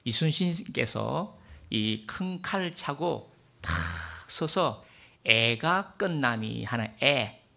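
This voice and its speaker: Gravelly pastor guy preaching, really lively up and down, whispers then punches it. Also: mid-range voice, slow. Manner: swings between hushed near-whispers and emphatic bursts. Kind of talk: sermon.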